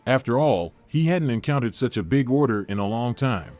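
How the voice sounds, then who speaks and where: Male narrator, mid-range pitch, flat steady storybook reading, faint music bed. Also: moderate pace.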